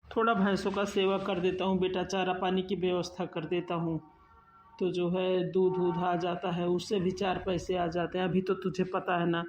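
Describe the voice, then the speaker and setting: A hardworking older farmer father in a cartoon talks calmly and lovingly, voiced by a man. The sound is muffled, with faint noise behind. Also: high-pitched, normal speed, lightly acted. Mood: caring. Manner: calm, explaining.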